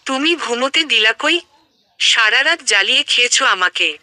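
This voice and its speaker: A woman's voice: on the high side, lively intonation, normal speed, pushed and bright, dry recording. A woman voicing an affectionate, teasing young man talking to his fiancée on the phone in an audio story. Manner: playful, teasing.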